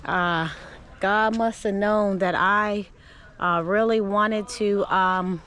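This middle-aged woman narrates a casual vlog on park trails by a spring, speaking slowly to viewers through a handheld camera at arm's length. Her medium-pitched voice is fairly bright in tone and fairly even in intonation.

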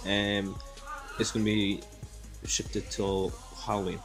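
A man gives a casual, halting, repetitive vlog update into a phone at arm's length in a room at home. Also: lowish voice, level tone, over music, poor audio. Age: 20s. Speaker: vlogger.

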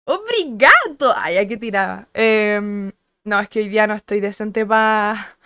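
A young Chilean woman streaming, chatting casually and crudely with her viewers and greeting them by name, her voice a little husky today. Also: medium pitch, level tone, unhurried, fairly bright tone, no echo. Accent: Chilean Spanish. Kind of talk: casual chat with live chat viewers.

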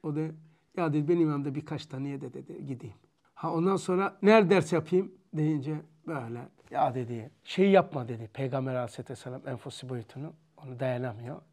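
A man with a Turkish accent teaching a religious lesson, emphatic and loud when preaching and softer when telling stories. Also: medium pitch, quick pace.

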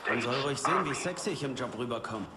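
An actor playing a cocky, joking young special forces sergeant in a video game, brash and mock-formal. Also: male voice, mid-range voice, expressive, fast, natural voice. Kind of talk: dramatic video game acting. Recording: loud wind and game ambience.

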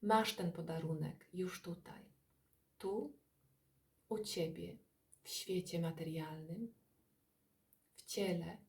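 A woman leading a guided body-scan meditation in soft, calm, drawn-out phrases with long pauses. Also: on the low side, gravelly.

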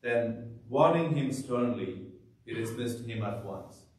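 A man serving as priest, reading the gospel and preaching at Mass in a slow, measured way, heard with cathedral echo. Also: medium pitch, a little mellow. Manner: slow, measured liturgical delivery. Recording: echoey church, mic far off.

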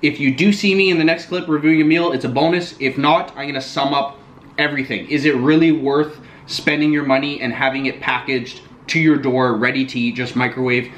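A young man talks through packaged-meal reviews in Italian for his food vlog, friendly and forever saying "guys." His medium-pitched voice is steady, fairly quick and bright, recorded in an echoey room with slight background noise.

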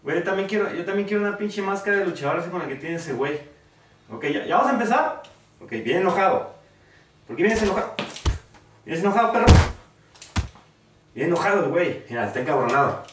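Mexican streamer, rowdy slang trash talk, bouncy high voice, roomy distant recording with faint hiss. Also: male voice, expressive, fast, pauses often, fairly bright tone. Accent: northern Mexican. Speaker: gaming youtuber. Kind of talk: excited let's-play commentary. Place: room at home, playing a VR game. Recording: echoey room, distant from the mic, faint noise.

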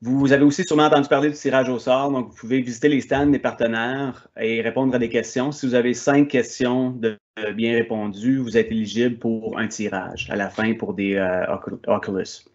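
Québécois male presenter, mid-pitched, halting delivery with restarts, muffled audio. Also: fairly even intonation. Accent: Québécois French. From Quebec, Canada. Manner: hesitant, frequent fillers and restarts. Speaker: conference speaker. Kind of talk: technical conference presentation.

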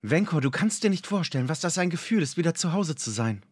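Soft-spoken pregnant elf woman, soothing yet urgent, higher voice, animated, as a man voices her. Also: fast, no echo. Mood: gentle. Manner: soothing, then urgent and pleading. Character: gentle pregnant female elf, protective. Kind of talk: audiobook character voice.

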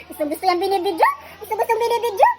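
A woman's voice: extremely high pitch, animated, a little slow, heavy background noise. A young woman filming her baby at home on a phone, talking in playful, cooing baby talk and laughing often. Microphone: phone camera.

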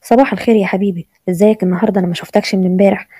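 A woman's voice: mid-range voice, fairly even intonation, racing, warm tone, breathy edge, no room sound, clean studio sound, natural voice. A woman with an Egyptian accent voicing an older father who speaks fondly to his son. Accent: Egyptian Arabic. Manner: affectionate, fatherly. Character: bitter older father who distrusts women.

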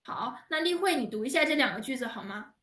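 A woman teaching an online language lesson over a video call, speaking slowly and patiently, drawing out words for her learners. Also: high-pitched, lively intonation, a bit bright. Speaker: Chinese teacher. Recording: echoey room, heard from a distance.

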